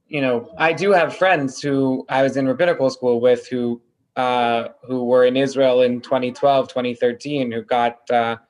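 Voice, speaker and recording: A man, a rabbi hosting an online congregation discussion, speaking hesitantly with many fillers. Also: medium pitch. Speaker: rabbi, host.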